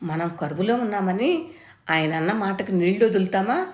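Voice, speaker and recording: A woman's voice: mid-range voice, normal speed, darkish tone, natural voice. A woman reading a story, voicing a stern old grandmother who scolds her son firmly and with passion. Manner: firm, scolding, impassioned. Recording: roomy echo.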